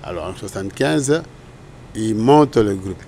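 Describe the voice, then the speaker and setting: A man's voice: lowish voice, expressive, unhurried, dark tone, a little hiss or hum. An older man from Congo, a guest in an interview, telling his story in a rambling way and often correcting himself. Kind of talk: casual interview recollection.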